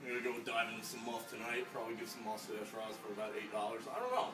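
A man's voice: on the low side, little pitch movement, rapid-fire, far from the mic, music in the background, close to an everyday voice. A young man playing a brash, crude 1980s fitness instructor in a swaggering, rambling comedy sketch. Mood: cocky. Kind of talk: improvised mock-interview comedy sketch. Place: small indoor room. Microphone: phone camera a few feet away. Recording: echoey room, off-mic phone video.

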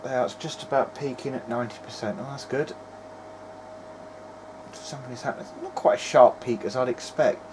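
At a small, cluttered indoor electronics workbench, a hobbyist video-diary presenter casually talks to himself while testing electronics hands-on, muttering in short, halting bursts. His mid-pitched voice keeps a steady tone, and a bench camera picks up clear workshop background noise.

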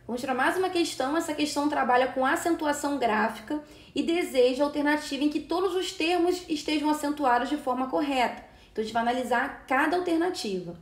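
A Brazilian Portuguese-speaking woman teacher giving an exam-prep lesson, explaining step by step and checking in often with short tag questions. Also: sits high. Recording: roomy echo.

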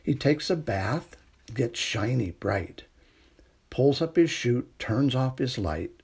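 A middle-aged man reading a children's picture book aloud in a gentle, unhurried bedtime manner, with a husky, creaky voice. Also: mid-range voice, lively intonation. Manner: gentle, unhurried bedtime delivery with hushed refrains. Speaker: storytime reader.

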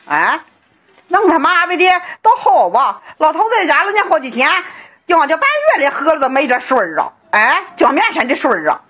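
A woman, a flood-hit villager ranting angrily with sighs, shouts and bitter laughter. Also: sits high, sing-song, normal speed. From Hebei, China. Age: late 50s. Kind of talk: angry self-recorded rant.

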